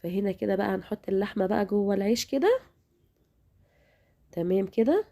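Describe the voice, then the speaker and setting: In a medium-pitched, gravelly yet mellow voice, a woman with an Egyptian Arabic accent hosts a home cooking demonstration for her channel. She is animated and brisk, speaking chattily to her viewers, her voice a little worn from a recent illness.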